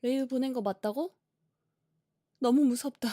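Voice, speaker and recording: A woman live streamer chatting casually before a game, with a cutesy, playful, expressive anime-streamer manner. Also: high voice, moderate pace, no echo, clean studio sound. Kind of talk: casual livestream chat before playing a game.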